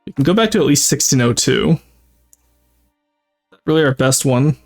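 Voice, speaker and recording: A man's voice: medium pitch, animated, moderate pace, creaky, soft background music. A man streaming a strategy game with casual live commentary, thinking aloud and talking to his chat. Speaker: streamer, VTuber.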